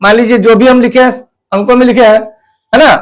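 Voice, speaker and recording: A man teaching a math lesson, slowly counting off place values step by step and repeating himself. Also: very high-pitched, fairly even intonation.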